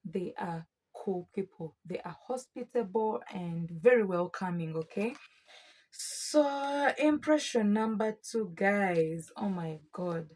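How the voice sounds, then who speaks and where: A woman's voice: medium pitch, slow pace. A young adult woman with a Ugandan East African English accent, chatting casually and emphatically to her viewers in a vlog. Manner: emphatic, expressive, often addressing listeners as friends. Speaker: vlogger.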